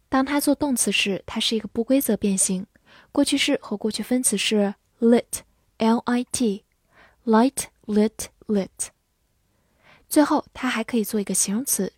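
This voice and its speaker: A woman leads a vocabulary lesson, spelling each word and reading examples aloud at a very slow, deliberate pace. Her voice sits fairly high. The recording is close and dry, with no room sound. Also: darkish tone, husky, no echo. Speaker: English teacher.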